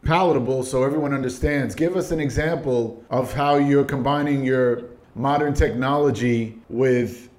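A man's voice: medium pitch, moderate pace, hardly any pauses, darkish tone. A man hosting a show, introducing and questioning a guest in a casual, conversational style. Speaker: interview show host.

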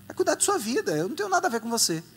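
Man doing a dismissive stingy rich man, quick and mocking, bright voice. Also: very high-pitched, huge pitch swings, voice pushed up, heavily acted. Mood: scornful.

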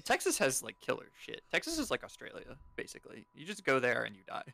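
A man's voice: mid-range voice, huge pitch swings, fast talker, gravelly, sharp tone, no echo. A young man from Florida in a casual group chat, making sarcastic quips.

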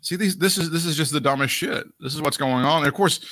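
A podcast co-host with a fairly high voice talks fast and casually about wrestling. He is animated, swears, and laughs often.

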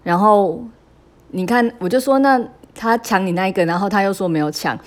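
A woman's voice: medium pitch, a little fast. A woman, telling a personal parenting story in a hesitant, confessional way, full of fillers and restarts. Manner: emotional and confessional, with laughs. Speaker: mother sharing a parenting story.

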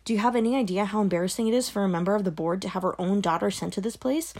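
Lady voicing a whiny teen girl in an audiobook, thick teary voice, bit gravelly. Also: mid-range voice, very fast, a little mellow, lightly acted. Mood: frustrated. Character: sulky, resentful teenage girl. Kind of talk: audiobook character voice.

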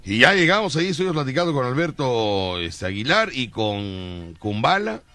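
A Mexican man hosting a radio comedy show, spinning a funny story with a lively, swooping voice. His pitch sits in the middle range. He sounds playful and keeps teasing his cohost. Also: normal speed, no echo. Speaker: radio host.

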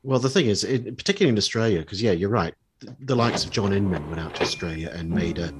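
A man's voice: fairly low pitch, lively intonation, fast, breathy edge. A man from New Zealand chatting casually about old comedy, hesitant with many ums.

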